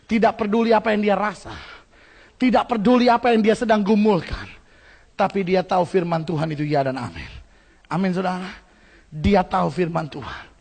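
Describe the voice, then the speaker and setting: A male pastor preaching an animated sermon, calling out to the congregation. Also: high-pitched, moderate pace, creaky, pauses often.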